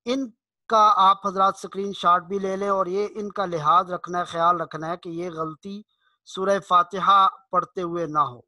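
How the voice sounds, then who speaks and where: A man, teaching Quran pronunciation in an online lesson. He explains patiently and draws out the recited words slowly to show the right sounds. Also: sits high, steady tone, bright, forceful tone, dry recording.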